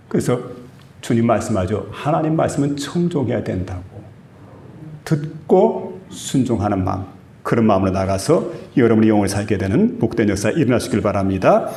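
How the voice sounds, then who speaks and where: Gravelly Gyeongsang pastor preaching. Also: male voice, medium pitch, dark tone. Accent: Gyeongsang Korean. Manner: storytelling with quoted voices, asks the congregation questions. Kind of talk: sermon. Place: church sanctuary. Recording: echoey church room.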